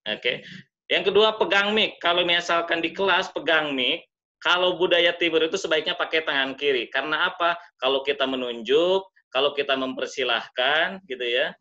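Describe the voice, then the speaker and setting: Man, fairly high voice, bright and forceful, speaking trainer, demonstrative delivery, dull lo-fi webinar sound. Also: normal speed. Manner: demonstrative, swings pitch and pace on purpose. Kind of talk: webinar lesson.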